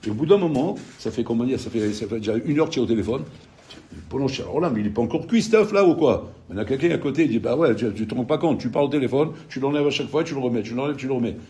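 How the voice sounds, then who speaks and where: A man's voice: medium pitch, slight background noise. A middle-aged man teaching a Torah class in French, mixing in Hebrew terms and telling stories with many restarts. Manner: rapid, repetitive, animated storytelling with many restarts. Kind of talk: recorded Torah lecture with anecdotes.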